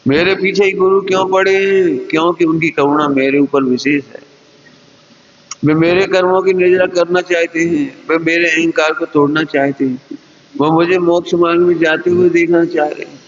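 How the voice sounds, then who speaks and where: A man's voice: on the high side, fairly even intonation, normal speed. Hindi-speaking male preacher in a reverberant hall. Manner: earnest teaching tone with rhetorical questions. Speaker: Jain preacher. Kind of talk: sermon. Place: lecture hall. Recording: dull recording in a reverberant hall.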